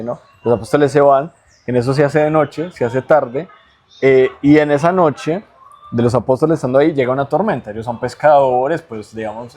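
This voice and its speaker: This medium-pitched man is a guest on an interview, offering earnest spiritual teaching in a conversational style. He checks in with listeners through rhetorical tag questions.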